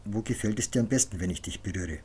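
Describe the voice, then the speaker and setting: A man reading an audiobook voices a calm, commanding grown woman who speaks softly but firmly, as if teaching. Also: fairly low pitch, quick pace, breathy edge. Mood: instructive. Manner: soft, firm, instructive.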